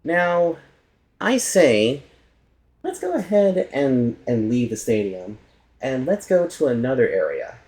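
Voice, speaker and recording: A man hosting and narrating a casual documentary about a musician, chatty and quick to correct himself aloud. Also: medium pitch, big pitch swings, a little mellow. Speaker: host.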